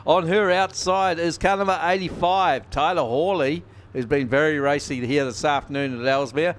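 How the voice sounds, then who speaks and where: A New man calls speedway racing from trackside in a bright, high voice that gets excitable when the cars are battling. Loud engine and track noise rolls on behind him throughout. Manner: excitable and rapid during racing, calmer between races. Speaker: race commentator. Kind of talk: live motorsport race call. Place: outdoor speedway commentary position.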